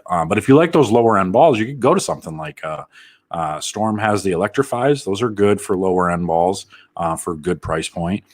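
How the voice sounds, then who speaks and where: Low husky-voiced man chatting live. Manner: rambling, jokey, reads viewer comments aloud. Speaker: bowling channel host answering live chat. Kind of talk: casual live Q&A chat.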